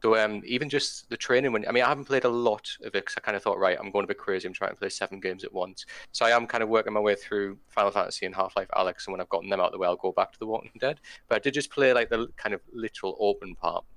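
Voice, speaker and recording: A man's voice: fairly low pitch, racing, hardly any pauses, fairly bright tone, no echo. A man chatting casually and enthusiastically about video games, rambling with lots of fillers.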